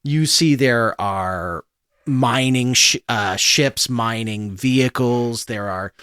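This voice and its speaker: A man narrating as game master of a tabletop role-playing game, lively and loose. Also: medium pitch, slow pace, smooth, no echo, studio quality. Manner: animated, voices side characters loosely. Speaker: dungeon master.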